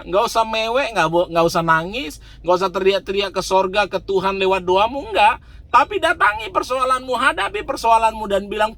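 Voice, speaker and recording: A man, a pastor, preaching a sermon in an emphatic, conversational way, repeating words for emphasis and swinging between urgent and quiet delivery. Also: on the high side.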